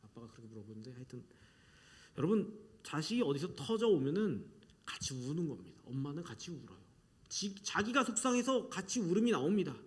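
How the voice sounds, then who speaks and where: Animated higher-voiced male pastor preaching. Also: fairly quick. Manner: animated, acts out quoted voices, drops to soft whispers. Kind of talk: sermon.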